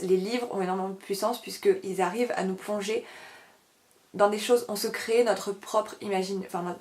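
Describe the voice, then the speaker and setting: A young Frenchwoman speaks to her viewers in a steady, earnest way, with an ordinary middle pitch. She often breaks off to correct herself, and she fills the gaps with hesitations. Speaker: author and video blogger. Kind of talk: casual explanatory talk to camera.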